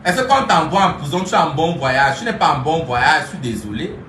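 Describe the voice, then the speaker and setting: A woman's voice: sits low, animated, brisk. Taunting, laughing woman. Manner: taunting, laughing, chanting insults, bursts of shouting. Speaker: social media streamer. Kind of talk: mocking live rant. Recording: echoey room, voice far from mic, faint hiss.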